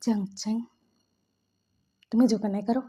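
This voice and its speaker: A woman voicing a stern, domineering older mother who scolds with sharp retorts. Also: mid-range voice, steady tone, moderate pace, husky, lightly acted. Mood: scolding. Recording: dull lo-fi recording.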